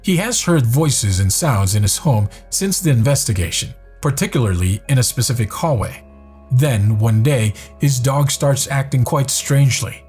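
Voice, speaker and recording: A man reading scripted narration for a countdown video in a measured, even storytelling manner. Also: mid-range voice, soft background music.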